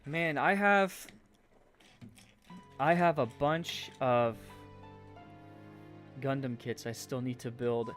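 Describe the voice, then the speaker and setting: A man with a Canadian accent talks casually at a middling pitch as he builds a Lego set on a stream. He rambles, fills gaps with "uh" and "like," and trails off mid-thought, with faint music playing behind him. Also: fairly even intonation, slow pace, pauses often, a bit bright. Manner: rambling, with frequent fillers and trailing off. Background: faint game music.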